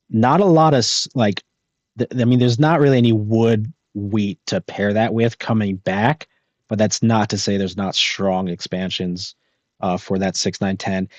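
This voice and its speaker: A man hosting and commentating a live board game match, analytical and quick to laugh. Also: on the low side, no echo, lo-fi sound. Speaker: commentator and host.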